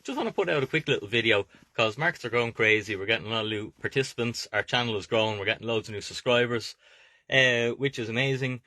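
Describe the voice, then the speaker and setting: A man's voice: mid-range voice, fast, sharp tone, dry recording. An Irish man giving informal, motivational investment advice to viewers as a coach and video host, emphatic and often checking that listeners follow. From Ireland. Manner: emphatic, repeatedly checking with "okay?". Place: inside a camper van.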